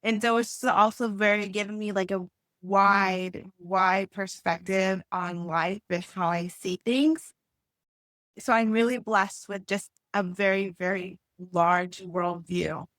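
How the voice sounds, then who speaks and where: A woman's voice: mid-range voice, steady tone, slow, a bit bright, no echo. Young woman, earnest, casual interview talk, dry close mic. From born in Haiti, raised in East Africa and the US. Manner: earnest, frequent "like" fillers. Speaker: podcast guest. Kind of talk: conversational interview.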